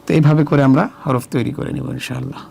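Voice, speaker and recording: Patient gravelly man teaching Arabic words. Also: medium pitch, steady tone, a little mellow, a little hiss or hum. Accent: Bangladeshi Bengali. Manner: patient, drawn-out word-by-word pronunciation. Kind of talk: slow recorded lesson walkthrough.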